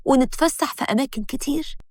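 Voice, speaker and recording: A woman with an Egyptian accent narrating a first-person story in a brisk, dramatic way. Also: high-pitched, darkish tone, no room sound, clean studio sound. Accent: Egyptian Arabic.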